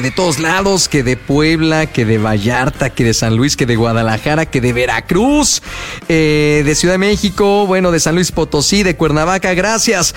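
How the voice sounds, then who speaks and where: High-voiced Mexican radio host, lively. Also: male voice. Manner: lively, slangy and affectionate with callers. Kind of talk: call-in radio show.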